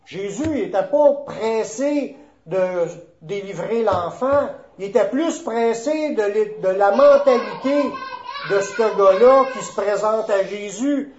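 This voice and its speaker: A male preacher with a Quebec French accent, his voice pitched high for a man and unhurried. He hammers his key phrases through repetition. The sound is roomy and a little dull. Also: animated, a little mellow, a little hiss or hum. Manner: emphatic, repeats key phrases. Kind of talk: sermon.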